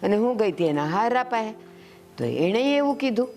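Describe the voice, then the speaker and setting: A woman's voice: a little high, big pitch swings, normal speed. An actress playing a protective elderly village mother, speaking bluntly with a Kathiawadi Gujarati accent. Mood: confiding. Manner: scolding, blunt. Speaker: actor. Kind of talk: village family drama acting. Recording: soft music under the voice.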